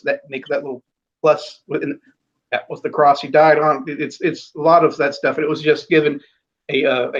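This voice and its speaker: Man, guest on a talk show, rambling and blunt, higher-pitched, on dull lo-fi audio. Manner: rambling, many restarts and fillers; blunt, with casual swearing. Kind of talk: casual conversation.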